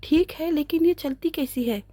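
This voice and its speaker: A woman's voice: sits high, normal speed, warm tone, dry recording, voice pushed up, natural voice. A woman voicing an innocent, cheerful young woman.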